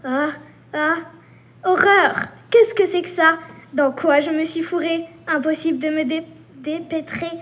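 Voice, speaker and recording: A woman reads aloud at a workshop in a high voice, a little slowly, with slight background noise. Her character is a cheeky little female mosquito who teases, taunts, and buzzes.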